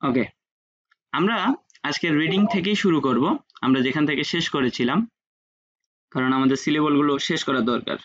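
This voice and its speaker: A man's voice: on the high side, normal speed, long pauses, fairly bright tone. A man teaching an online French class in Bengali, patiently drilling pronunciation. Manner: patient, repeats sounds for students to echo. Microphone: video call. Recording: dull lo-fi video call audio.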